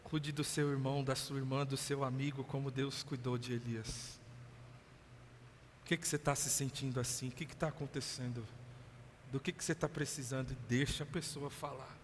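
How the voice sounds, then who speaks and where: A male Brazilian pastor giving a lively sermon, acting out voices with laughing asides. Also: medium pitch, moderate pace, a little hiss or hum. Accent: Brazilian Portuguese. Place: church hall. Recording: long hall reverb.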